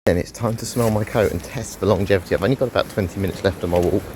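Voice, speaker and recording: Sniffly from a head cold, a deep-voiced man reviews fragrances casually while walking outdoors, talking very fast in a darkish tone. He's chatty and rambling with sighs, and a little hiss or hum can be heard.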